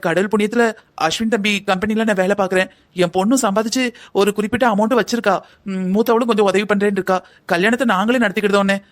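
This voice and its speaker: A man acting out a modest middle-aged father in a cartoon family story. He pours out thanks in a high, rapid voice, always earnest and a little anxious. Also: close to an everyday voice. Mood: respectful.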